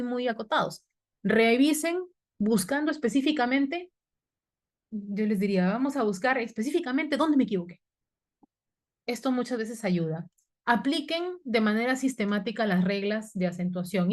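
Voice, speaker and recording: A woman teaching a university writing class in an online webinar, explaining step by step and asking her students questions. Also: fairly high pitch. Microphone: webinar computer mic.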